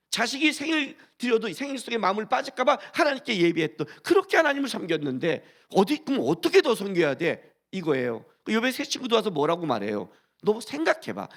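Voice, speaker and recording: A man's voice: high voice, fairly bright tone. A male pastor preaching a sermon in a conversational way, often asking his congregation questions.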